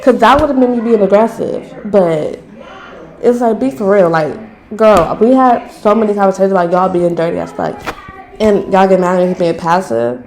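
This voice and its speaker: A woman's voice: medium pitch, moderate pace, darkish tone. A young woman with a Southern American accent telling a casual storytime vlog, chatty and venting, rambling with lots of fillers while at her workplace. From Southern United States. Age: young adult. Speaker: vlogger.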